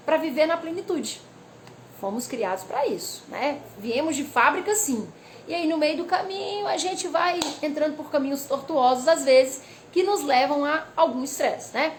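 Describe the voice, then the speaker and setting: High-voiced woman explaining hormones. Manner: lively, reads notes, frequent "né?" and "tá?" asides. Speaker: weight-loss educator. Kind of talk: casual explanatory talk to camera. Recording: faint background noise.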